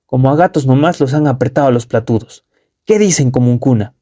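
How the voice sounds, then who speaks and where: A man's voice: mid-range voice, fast, dark tone, close to an everyday voice. A man voicing a fiery village rebel who rouses his fellow villagers. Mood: rousing. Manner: defiant, rousing.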